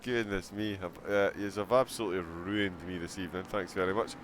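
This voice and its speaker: A man's voice: low voice, steady tone, brisk, slight background noise. A man commentating a live sim-racing broadcast, chatting and giggling as he reacts to viewers' chat between race calls.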